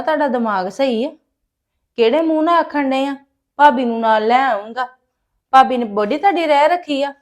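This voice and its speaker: A woman playing a sharp-tongued, complaining wife. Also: high voice. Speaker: wife in a family drama. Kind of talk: acted family drama dialogue.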